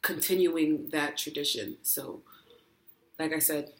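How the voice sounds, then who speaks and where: A woman's voice: low voice, fairly even intonation, slow, noisy background. Chatty woman talking through a meal. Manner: chatty, filler-heavy with frequent ums and likes. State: full, hiccuping and burping. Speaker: mukbang vlogger. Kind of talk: casual chat while eating. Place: indoors, home in Dubai. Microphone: camera mic, no tripod.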